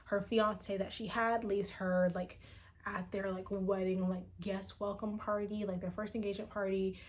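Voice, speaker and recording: A woman in her late twenties chats casually to the camera in a personal vlog, her medium-pitched voice flat and at a normal speed. She rambles, swears freely, and sometimes drops into a whisper.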